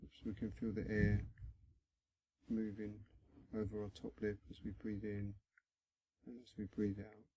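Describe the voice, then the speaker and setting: Guiding a body scan meditation, a man speaks in short, gentle instructional phrases with frequent pauses. His voice is low, husky and creaky, completely flat in delivery, with background noise in the recording.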